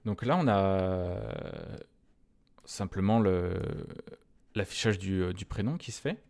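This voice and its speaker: A man teaching a screencast coding lesson, talking in a relaxed, chatty way straight to his viewers and pausing often on "euh" fillers and restarts. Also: low-pitched, creaky. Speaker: web developer teaching a coding tutorial.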